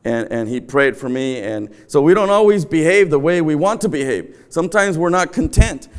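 A man's voice: on the high side, animated, moderate pace, smooth. A middle-aged man preaching a sermon in an empty church sanctuary, earnest and repeating his key phrases. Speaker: pastor.

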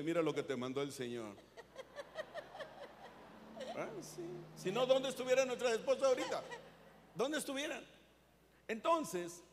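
High-voiced Mexican pastor preaching. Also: male voice. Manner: earnest, conversational preaching with calls to the congregation. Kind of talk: sermon. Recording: echoey hall with long reverb.

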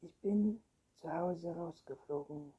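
A woman's voice: fairly low pitch, takes it slowly, mellow, husky, lo-fi sound, full character voice. A woman reading a storybook, voicing a friendly, cheeky young boy vampire. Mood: telling.

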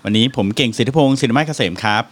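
A man hosting a podcast, relaxed, with lots of short agreeing sounds in casual chat. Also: mid-range voice, racing, a little hiss or hum. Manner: relaxed, back-channels a lot. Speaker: podcast host.

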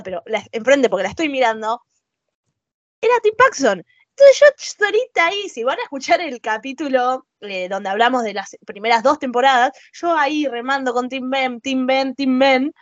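A woman's voice: sits high, dry recording. A young woman with a Rioplatense Spanish accent, co-hosting a podcast from home in playful, teasing casual chat. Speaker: podcast co-host. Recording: dull, dry lo-fi remote audio.

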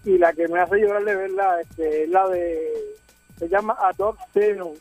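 Brief: male caller, high voice, joking, rambling, faint music behind. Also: steady tone, unhurried, a little mellow, no echo. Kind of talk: casual call-in chat.

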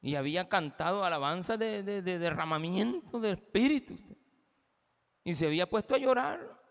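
A man's voice: high voice, animated, normal speed, gravelly, long reverb tail. A man with a Salvadoran accent preaching a sermon as pastor, impassioned and speaking straight to the congregation. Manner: impassioned, addresses the congregation directly.

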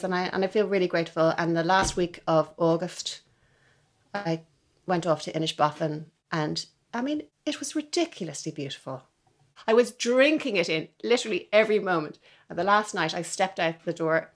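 A middle-aged woman, a violinist guest talking earnestly and reflectively in an interview, sometimes dropping to a near-whisper. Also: on the low side. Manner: earnest, wondering, trails into soft near-whispers.

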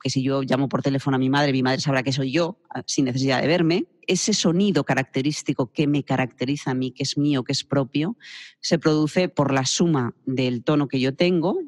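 A man explaining how to use the voice, as a speaking coach in a radio interview, demonstrating pace and pitch changes as he talks. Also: a little fast, no room sound, studio quality, big-room sound.

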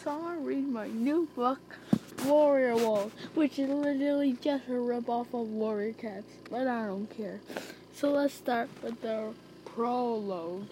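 Woman, fairly high voice, casual read-aloud storytelling, chatty asides, restarts, faint background noise. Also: a little slow, dark tone, poor audio. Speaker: storyteller reading her own book.

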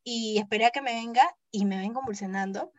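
A young adult woman telling a personal story as an interview guest, acting out the quoted dialogue in a lively way. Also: a little high, brisk, dry recording.

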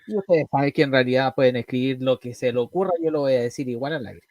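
A man's voice: medium pitch, fast talker, darkish tone, no room sound. A man with a Chilean accent co-hosting a live radio show, joking around in slangy casual chat.

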